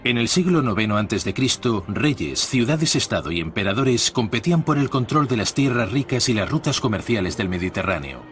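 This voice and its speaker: A man giving a scripted documentary voice-over with a measured, formal delivery, recorded on a studio mic. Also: fairly low pitch, sing-song, soft background music. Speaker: documentary narrator.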